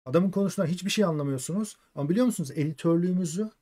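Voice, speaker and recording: A man from Turkey co-hosting a casual stream. His voice is mellow and a little high, and he answers viewer questions in a calm, explanatory way. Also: rapid-fire. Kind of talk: casual live-stream chat.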